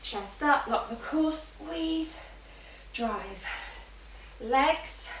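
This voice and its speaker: A woman with a high, slightly bright voice speaks very slowly and with animation as an aerobics instructor leading a live workout class, calling out moves and counts in short, encouraging cues. The room is echoey, she is far from the mic, and there is faint noise.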